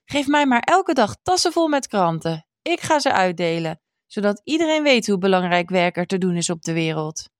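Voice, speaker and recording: A woman's voice: medium pitch, sing-song, moderate pace, no room sound, studio quality, close to an everyday voice. A woman voicing a frantic, self-important little woman in a storybook, speaking in an agitated, insistent way.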